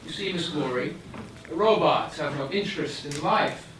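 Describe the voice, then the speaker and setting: A man's voice: a little high, normal speed, fairly bright tone, lightly acted. A man playing a proud, matter-of-fact factory director showing off his robots, in a stage play. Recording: echoey room from far off with noise.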